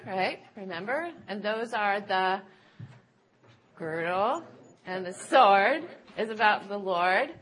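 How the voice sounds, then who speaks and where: A woman's voice: medium pitch, fairly bright tone, slight background noise. A middle-aged woman giving informal Bible teaching to a group, chatty and laughing often, checking in with "right?".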